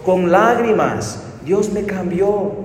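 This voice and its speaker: Earnest high-voiced preacher in an echoey church. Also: male voice, lively intonation, slow pace, slight background noise. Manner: earnest, pleading, shifts between soft and emphatic. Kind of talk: sermon. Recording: echoey hall, heard from a distance.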